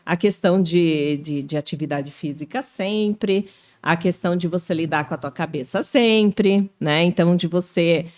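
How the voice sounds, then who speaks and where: Uma mulher de cinquenta e poucos anos com sotaque do sul do Brasil, conversando como convidada numa entrevista, animada e cheia de "né". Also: female voice, fairly low pitch, normal speed. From Brazil. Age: 50s. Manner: animated, frequent tag questions "né". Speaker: shopping mall executive, guest. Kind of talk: casual interview talk.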